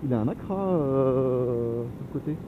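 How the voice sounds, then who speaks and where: A man's voice: medium pitch, lively intonation, a little slow. A man from France chatting casually as he rides a motorbike, rambling and laughing often, recorded on a helmet camera. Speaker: motovlogger. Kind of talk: casual riding commentary. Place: on a motorbike on the open road. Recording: phone-like sound, loud wind noise.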